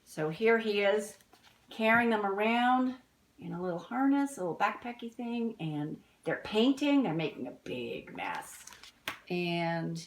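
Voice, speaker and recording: In an unhurried, sing-song, mid-range voice, a woman reads a picture book to young kids. She talks with them as she goes, giving simple explanations and asking questions.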